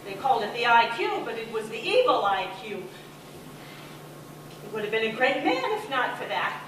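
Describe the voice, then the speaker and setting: A confused mother rambles on in a high, lively voice that swoops up and down, as an actress plays her. She is heard from far across a very echoey stage, with faint hiss behind. She talks in a flustered, scattered way. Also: measured pace. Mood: wistful. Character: confused older mother, fixated on cleaning, rambling.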